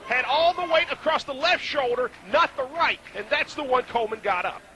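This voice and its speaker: A man calling a live wrestling match as play-by-play commentator, excitable, in short punchy calls. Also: very high voice, fairly quick, some chatter behind. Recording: noisy live event recording.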